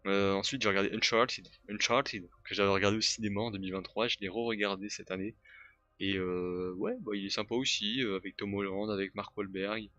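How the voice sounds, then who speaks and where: Bright-voiced young man rambling about films. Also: lowish voice, steady tone, fairly quick, highs cut off. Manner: hesitant, full of fillers and restarts. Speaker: YouTuber reviewing films. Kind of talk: casual spoken film reviews.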